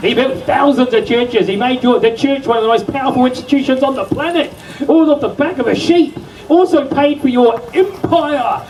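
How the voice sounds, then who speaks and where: A man's voice: very high-pitched, noisy background. A middle-aged man presenting a live sheep show, joking and hyping the crowd. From New Zealand. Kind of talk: live stage show patter. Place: outdoor county show stage. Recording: far from mic, music playing.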